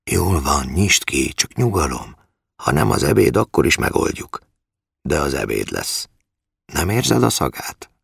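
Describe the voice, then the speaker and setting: A man voicing a frail, sniffling old man who talks in a calm, coaxing way. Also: rumbling low, gravelly, slightly rough, dry recording, clean studio sound, heavily acted.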